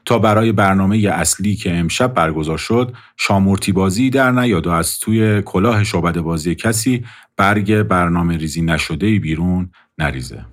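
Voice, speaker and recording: A man calmly narrating a scripted first-person story in a measured way. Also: low voice.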